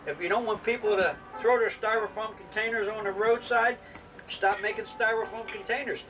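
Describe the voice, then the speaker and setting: A man's voice: sits high, steady tone, fairly quick, dull audio, over music. A middle-aged father arguing insistently at a family dinner, repeating his points, heard on an old VHS home video. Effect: old VHS home video recording. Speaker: father in a mock family debate. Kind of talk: casual argument at a family dinner. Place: home dining room. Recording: hissy camcorder tape, distant mic.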